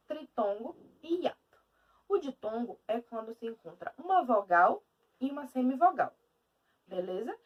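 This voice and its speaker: A woman teacher with a Brazilian Portuguese accent giving a video lesson in an emphatic, lively way. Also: sits high, recorded from a distance, highs cut off.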